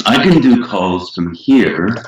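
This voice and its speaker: A man chatting casually over a call, laid-back and halting, often using fillers. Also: on the low side, animated, dull audio, crowd noise. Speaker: co-host prankster. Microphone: webcam mic with speakers. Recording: roomy far-off webcam mic with echo.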